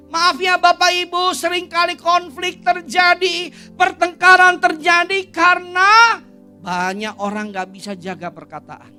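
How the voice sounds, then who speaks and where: A male pastor, preaching a lively, humorous sermon and leading the congregation in call-and-response. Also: extremely high pitch. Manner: energetic, jokes and leads call-and-response with congregation. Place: church service.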